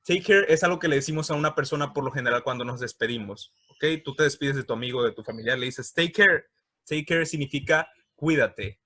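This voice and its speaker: Bright-voiced patient male teacher. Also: mid-range voice, dry recording. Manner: explains patiently, often checking in with "ok?"; repeats English words slowly for pronunciation. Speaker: English teacher. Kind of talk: slide-based grammar lesson.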